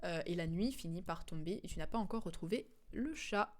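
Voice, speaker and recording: Going over a video game's plot, a female streamer wanders off on tangents, giggles and performs quotes in slang. Her voice is on the low side, expressive and a little mellow, and she talks a little fast.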